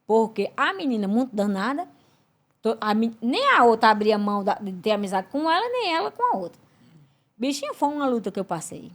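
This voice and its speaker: Woman, podcast guest, animated testimony, fairly high voice with big pitch swings. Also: brisk. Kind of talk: religious testimony in conversation.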